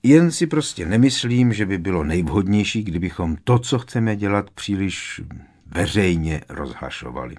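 A man's voice: deep voice, very animated, a little mellow, slightly rough, full character voice. A man voicing a precise, insistent schoolgirl witch. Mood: earnest. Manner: precise, insistent, explains at length. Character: earnest know-it-all teenage schoolgirl witch.

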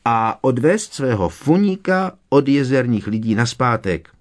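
A man voicing an eager male house-elf servant who shrieks in a squeaky voice and talks about himself in the third person. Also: very animated, lightly acted. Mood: pleading.

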